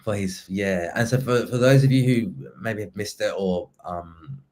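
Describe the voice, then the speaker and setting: A man, hosting a relaxed podcast conversation. His voice sits low. He speaks haltingly, stopping and restarting as he works his thoughts out loud. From Somalia. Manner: halting, with frequent restarts and repeated words. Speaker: podcast host, writer and poet. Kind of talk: casual conversational interview.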